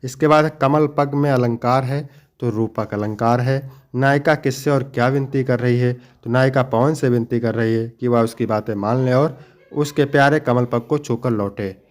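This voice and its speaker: A young man teaching an exam-prep lesson, explaining each answer step by step, slowing down to stress key points and calling his students dear children. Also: medium pitch. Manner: explains each answer step by step, then reads the next question; addresses students fondly.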